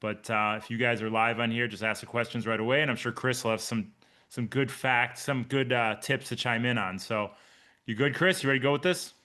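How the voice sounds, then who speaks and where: Casual 40s coach guy on a video call, upbeat and chatty, bright forceful voice. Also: mid-range voice, steady tone, fairly quick. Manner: upbeat, chatty, addresses listeners by name. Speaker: triathlon coach and podcast host. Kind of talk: casual live call with team.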